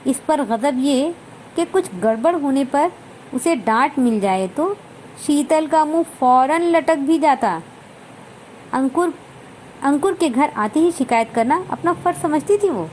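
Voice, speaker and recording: A woman narrates a story she wrote, reading in a measured and expressive manner. Her voice sits high, with a faint hiss of noise behind her. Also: rough recording.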